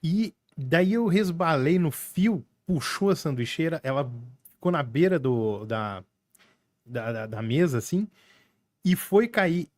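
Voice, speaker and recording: A man's voice: on the high side, expressive, takes it slowly, darkish tone, no room sound, clean studio sound. Joking male podcast co-host. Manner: joking, laughing anecdote teller. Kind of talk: casual chat.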